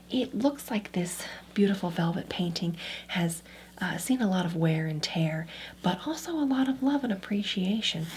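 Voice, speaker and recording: A woman speaks in a low-pitched soft voice, in an ASMR role-play as an antiques appraiser. She gently walks through instructions step by step, repeating small words softly. Clear background noise sits behind her voice.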